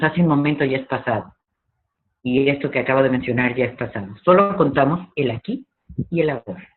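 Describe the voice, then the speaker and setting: A man giving a motivational talk on grief and loss, speaking in a measured way and asking the audience rhetorical questions. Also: fairly high pitch. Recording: tinny phone-like sound.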